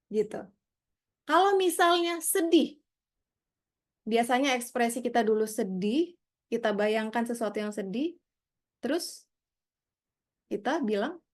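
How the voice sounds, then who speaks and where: A woman's voice: high-pitched, a bit bright. A woman leading an online public speaking workshop over a video call, friendly and coaxing as she calls on participants.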